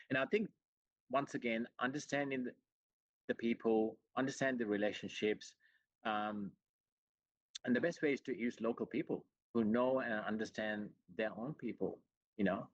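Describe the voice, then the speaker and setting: Over roomy, dull video-call audio, a Sri Lankan-born chief executive long settled in Australia answers an interviewer's questions. The middle-aged man speaks at medium pitch and normal speed, sounding earnest and conversational as he explains, often saying "you know."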